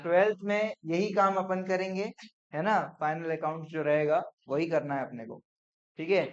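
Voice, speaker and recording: A man teaching accounts in a classroom lecture, brisk and coaxing, often checking whether students follow. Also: on the high side, steady tone. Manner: brisk, coaxing, peppered with "theek hai?". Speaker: commerce teacher. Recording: dull lo-fi classroom recording.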